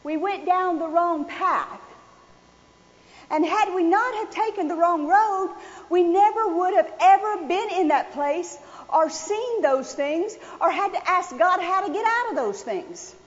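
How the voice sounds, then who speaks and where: A woman preaching a sermon, telling a personal story in a folksy, animated way. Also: very high-pitched, a little slow. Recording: dull sound with long hall reverb.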